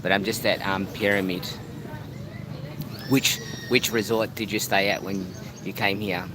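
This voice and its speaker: A travel vlogger with a lowish, steady voice chats casually at a measured pace on a phone live stream from a beachside restaurant. He often repeats words as he restarts sentences, with outdoor street and vehicle noise behind him.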